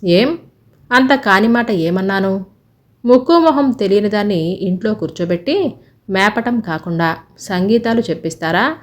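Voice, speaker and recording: A woman voicing an arrogant, sharp-tongued young woman who speaks scornfully, in a narrated story. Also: medium pitch, expressive, unhurried, long pauses, close to an everyday voice. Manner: scornful, cutting.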